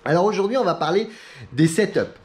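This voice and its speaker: A chatty middle-aged man from France talks straight to his viewers in a casual vlog. His voice sits high and swings widely as he tells stories. He acts out what other people said and laughs often. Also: lively intonation, a little fast, a little mellow. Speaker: sim racing YouTuber. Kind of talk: casual talking-head chat.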